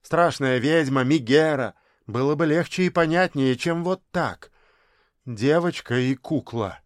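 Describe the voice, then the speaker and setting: A man's voice: a little high, measured pace, dry recording, studio quality, close to an everyday voice. A man reading aloud voicing a stern, weary middle-aged stepmother who talks curtly. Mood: sharp.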